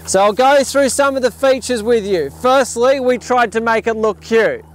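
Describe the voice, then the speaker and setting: An Australian farmer in his thirties talks a tour group through his gear in an open paddock, his voice sitting high for a man. He explains things eagerly, stumbling and restarting now and then. The sound comes from a camera set back from him outdoors. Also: moderate pace, a little hiss or hum. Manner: enthusiastic, explanatory, with fillers and restarts. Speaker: farm owner giving a tour. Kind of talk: outdoor demonstration talk. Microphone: camera at a distance.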